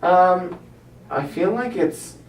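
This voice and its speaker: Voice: mid-range voice, animated, takes it slowly. A person speaking informally as a counselling client, hesitant and searching for words. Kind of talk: hesitant conversation. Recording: roomy, distant mic, faint noise.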